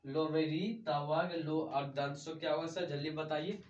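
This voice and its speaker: A grammar teacher drills his class by asking a question and answering it himself, calling everyone sir. His voice sits a little high. He is recorded from a distance on a muffled mic in an echoey room. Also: flat delivery, normal speed. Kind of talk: grammar lesson with call-and-response drilling.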